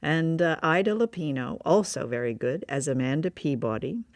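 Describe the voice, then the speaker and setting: A woman co-hosting a podcast chats in an amused, conversational way about an old radio play, asking questions in a casual review chat. Her deep voice is animated and at normal speed, with no echo.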